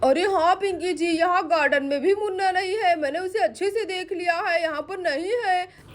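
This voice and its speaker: A woman's voice: very high voice, normal speed. A woman voicing a polite, reassuring family father in a doll play story. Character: man, calm family father.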